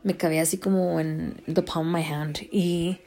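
A woman's voice: on the low side, moderate pace. A young woman casually telling a story as a vlogger, chatty and slangy, slipping into English words. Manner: chatty, slips into English, slangy and animated in retelling.

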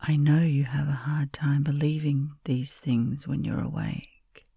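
A woman whispering softly and slowly close to the microphone, soothing a listener toward sleep in a caretaker roleplay. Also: low voice, steady tone, creaky, husky, dry recording. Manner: soft, slow, soothing whisper.

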